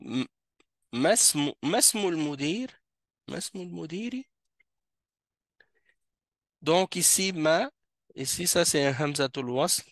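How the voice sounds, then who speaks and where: A man teaching Arabic grammar to a class, explaining slowly with frequent hesitations. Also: a little high, lively intonation, no echo, studio quality. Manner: slow, hesitant explaining with many fillers. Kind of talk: classroom lesson. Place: mosque classroom.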